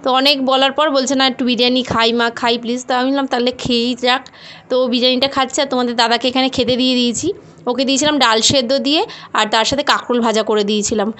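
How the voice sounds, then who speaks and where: A woman's voice: high-pitched, fairly even intonation, fast talker, fairly bright tone. A mother and home vlogger telling viewers about her busy day in a chatty, rambling voice-over. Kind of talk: casual voice-over narration of a daily routine.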